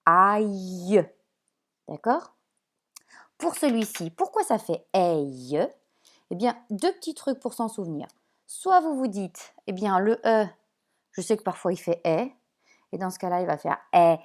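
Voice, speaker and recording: Slow patient schoolteacher woman. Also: mid-range voice, big pitch swings, warm tone. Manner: slow, patient, explains with many "d'accord?" checks. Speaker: teacher. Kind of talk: remote classroom lesson at a whiteboard.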